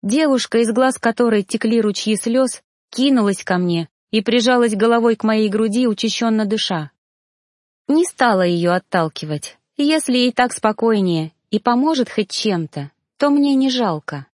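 Woman reading an audiobook, fairly high voice. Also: animated, moderate pace, darkish tone, dry recording, studio quality. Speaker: audiobook narrator. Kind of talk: scripted first-person audiobook narration.

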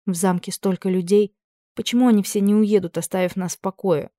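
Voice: medium pitch, fairly even intonation, a little fast, warm tone, no echo, studio quality, lightly acted. A reader voicing an anxious young noblewoman, a duchess who pleads with her husband and turns icily proper with intruders.

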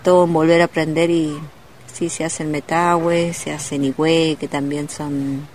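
A woman from Neuquén, a ceramist guest on a radio interview, speaking gently and hesitantly with many pauses. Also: deep voice, little pitch movement, a little hiss or hum. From Neuquén, Argentina.

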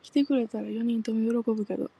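A woman's voice: a little high, fairly even intonation, quick pace, vocal fry, mellow, breathy edge, dry recording. A woman with a Kansai accent, teasing and coaxing in a casual group chat.

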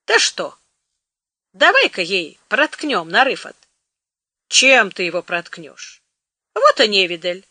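A woman voicing a bossy, heavy-handed old village healer woman who talks in a shrill, scolding voice. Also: wildly swooping pitch, slow pace, long pauses, bright, forceful tone, no echo, full character voice. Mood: brisk.

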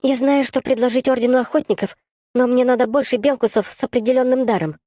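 A man reading an audiobook, voicing a small, pompous female squirrel empress in a squeaky, imperious voice. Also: fairly even intonation, fast, dark tone, no echo, studio quality. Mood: haughty. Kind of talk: audiobook character voice.

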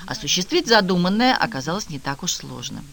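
Bright-voiced man narrating a novel. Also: high voice, very animated, fairly quick, creaky. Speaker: audiobook narrator. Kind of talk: scripted narration.

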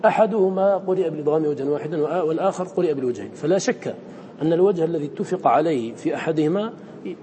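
A male teacher leads a classroom lesson in a rapid, dark-toned voice that sits somewhat high. He questions his students and slows right down to draw out each quoted line. Faint room noise hangs behind him. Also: in a large hall. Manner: quizzes students, slowly drawing out quoted verse.

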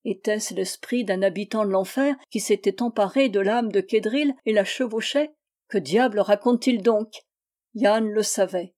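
A woman narrating a novel as an audiobook, with expressive, measured storytelling. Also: mid-range voice. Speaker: audiobook reader.

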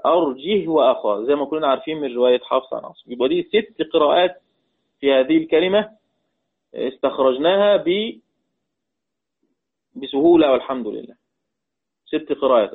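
A man with an Egyptian Arabic accent teaching Quran readings in class, quizzing his students and slowly chanting each reading. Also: mid-range voice, slightly rough. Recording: tinny phone-like recording.

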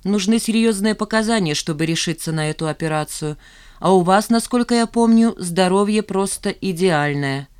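A woman reader voicing a brisk middle-aged female doctor with a cool, patronizing manner. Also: medium pitch, darkish tone, smooth, lightly acted. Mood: cold. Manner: smiling then cold, patronizing.

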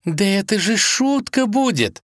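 A man's voice: a little high, slow pace, dry recording, studio quality, pitched above the performer's own voice. A man doing a mischievous young princess. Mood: playful. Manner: wheedling, lively.

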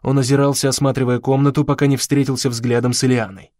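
A man narrating an audiobook in a measured, dramatic way. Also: medium pitch, flat delivery, darkish tone, no echo, studio quality.

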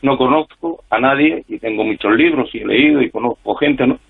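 This older man's voice is creaky with a breathy edge, medium in pitch and fairly quick. Phoning in to a radio interview, the ex-freelance spy gives a long account of his past, full of fillers and restarts, over a tinny line.

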